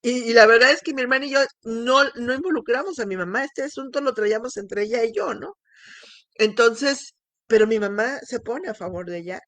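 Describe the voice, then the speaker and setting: A woman's voice: fairly high pitch, expressive, fairly quick, a bit bright, no echo. Emotional woman telling her story. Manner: candid and emotional, with frequent restarts and laughs. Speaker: speaker sharing her testimony. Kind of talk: personal testimony talk.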